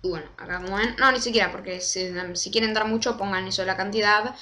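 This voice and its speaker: A young woman, casually walking through a game tutorial step by step and slowing down to spell out commands. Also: mid-range voice, steady tone, pushed and bright. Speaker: Minecraft tutorial creator. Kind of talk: casual screen-recorded tutorial.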